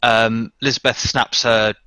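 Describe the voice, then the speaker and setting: A man's voice: medium pitch, little pitch movement, takes it slowly, bright, forceful tone, smooth, no room sound. A man playing a tabletop role-playing game, casually describing what his character does.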